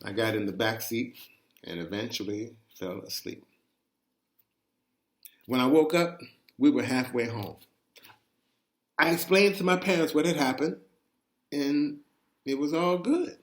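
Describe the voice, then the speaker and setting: A man with a mid-range voice reads a first-person chronicle aloud like a dramatic storyteller, conversational and expressive, deliberately emphasizing his phrasing.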